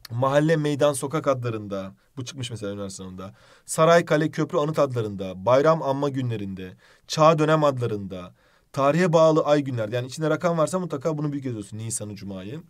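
A man teaching an exam-prep grammar lesson, brisk and emphatic, calling out example words in a raised voice. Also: medium pitch, expressive.

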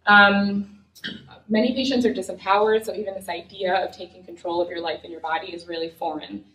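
Medium-pitched, a bit bright, and fairly quick with fairly even intonation, a young adult physician from the United States lectures earnestly and conversationally, using lots of fillers. The academic lecture is recorded from far off by a room mic in an echoey lecture room.

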